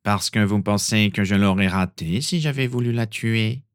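A man's voice: fairly low pitch, expressive, normal speed, dry recording, clean studio sound, close to an everyday voice. A man voicing a cold, stern male professor who speaks in a stiff, curt manner.

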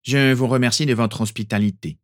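A man's voice: on the low side, lively intonation, moderate pace, no room sound, studio quality, natural voice. A man voicing a cold, stern male professor who speaks in a stiff, curt manner.

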